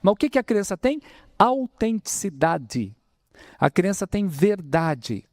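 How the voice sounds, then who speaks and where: A man's voice: sits high, dry recording, clean studio sound. A man with a Brazilian accent from the São Paulo interior, giving a spiritist lecture and calling the audience brothers, with many rhetorical questions. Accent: Brazilian Portuguese, São Paulo interior. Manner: lively preaching, addresses audience as brothers, asks rhetorical questions. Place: spiritist center hall.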